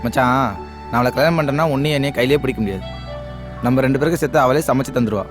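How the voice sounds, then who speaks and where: Actor doing a pleading friend in love, fast talk. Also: male voice, medium pitch, music in the background, lightly acted. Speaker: lovesick friend. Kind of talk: film drama dialogue.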